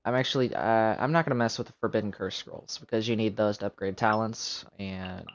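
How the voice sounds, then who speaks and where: Muttering and counting aloud as he goes, this streamer gives relaxed commentary over game music in a fairly quick voice on the low side. There's slight background noise in the recording.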